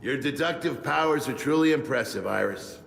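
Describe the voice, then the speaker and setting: An actor playing a sardonic male engineer who talks in quick sarcastic quips. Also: medium pitch, vocal fry, a bit bright, slight background noise. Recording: game music behind.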